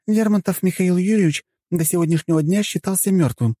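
A man's voice: sits high, fairly quick, mellow, no echo, studio quality, voice pushed up. A man voicing an outspoken, impatient young princess in an audiobook. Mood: excited. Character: fiery young female princess.

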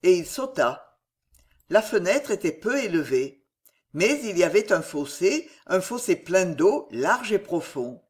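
Expressive, lively audiobook narrator. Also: medium pitch, a little slow, husky. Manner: expressive, dramatic reading. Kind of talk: scripted narration.

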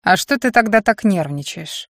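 A woman's voice: medium pitch, expressive, moderate pace, a bit bright, dry recording. A brash, wary young man, as a woman reader puts him on talks in a casual, mumbling drawl. The audiobook reading is plainly delivered. The sound is dry and close, with no room around it.

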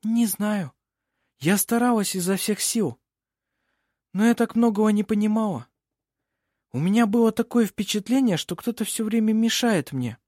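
A man's voice: high voice, expressive, normal speed, a little mellow, no room sound, studio quality, voice pushed up. A man voicing an earnest, distressed young woman testifying in court. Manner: pleading, rising to indignant.

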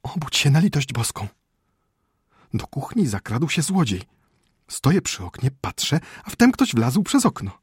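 A man reading an audiobook, voicing a panicky, scolding wife in a high, strained voice. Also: sing-song, unhurried, slightly rough, dry recording, studio quality, full character voice. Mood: frantic. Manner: frantic, reproachful. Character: panicky shrill middle-aged wife, prim and scolding. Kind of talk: audiobook character voice.

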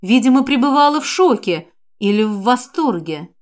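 A woman's voice: fairly high pitch, expressive, normal speed. A woman reads a first-person novel aloud as an audiobook narrator. Her voice sits a little above average for a woman. She reads expressively and raises her tone for the heroine's dialogue. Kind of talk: first-person fiction reading.

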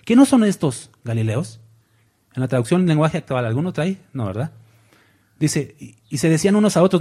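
A man's voice: fairly high pitch, a little mellow, breathy edge. A man preaching a sermon, reading scripture aloud and asking his congregation questions that he answers himself.

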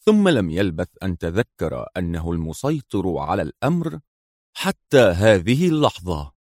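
A man narrating an audiobook thriller in a measured, dramatic storytelling manner. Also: sits low, sing-song, a little mellow, no echo, studio quality.

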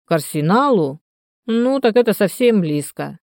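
A woman voicing a hoarse, half-drunk old male canal watchman who grumbles slowly and muses aloud. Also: mid-range voice, expressive, a little mellow, dry recording, studio quality. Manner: grumbling, slow and musing.

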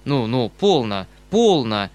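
A man voicing a kindly, flustered older gentleman who awkwardly soothes someone. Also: medium pitch, very animated, slow, pitched below the performer's own voice. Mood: embarrassed soothing. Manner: embarrassed, soothing.

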